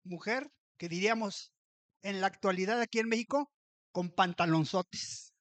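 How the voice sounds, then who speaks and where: A man's voice: high voice, fairly quick, fairly bright tone, dry recording. Pastor acting out his story. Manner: storytelling, acting out the characters' lines, often asking "¿verdad?". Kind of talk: sermon. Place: church.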